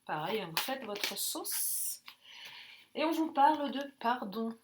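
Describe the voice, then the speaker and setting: Woman, card reader, casual and chatty, slow unhurried talk, slightly high voice, faint background noise. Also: expressive. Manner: chatty, jokey, thinks aloud with many fillers. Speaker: tarot and oracle card reader. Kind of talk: casual card-reading video.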